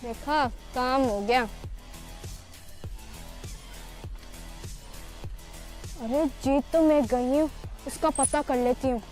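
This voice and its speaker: Woman as a smug cheating sister, very high, home drama with music. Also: measured pace, darkish tone. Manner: sly, boastful. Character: scheming competitive sister who cheats to win. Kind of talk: amateur family drama. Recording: music behind.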